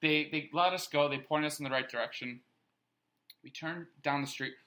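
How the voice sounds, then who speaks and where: A young man co-hosting a podcast, telling a story in an animated way among friends. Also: on the high side, normal speed. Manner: animated storyteller, acts out quotes, swears casually. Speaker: podcast co-host. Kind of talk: casual chat, storytelling.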